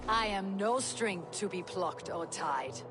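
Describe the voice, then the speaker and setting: A woman's voice: mid-range voice, animated, slow pace. An actress playing a proud, defiant female god in a video game, speaking with the solemn grandeur of a cosmic entity. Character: proud defiant female god, High One, facing prophesied doom. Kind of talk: dramatic video game acting. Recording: music behind the voice.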